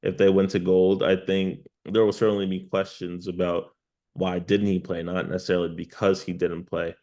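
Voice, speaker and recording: A man from New York with a low voice and very level intonation, speaking as a guest sports analyst. He lays out his reasoning in emphatic, list-like points. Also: level tone, moderate pace, warm tone. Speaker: sports journalist, interview guest. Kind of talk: basketball analysis in an interview.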